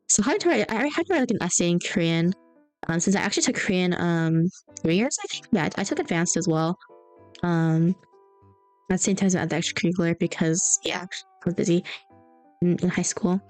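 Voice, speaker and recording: Faint background music plays as a young woman streams herself drawing, chatting casually and meandering through stories. Her voice sits in the mid range and is a little mellow. She is a young adult.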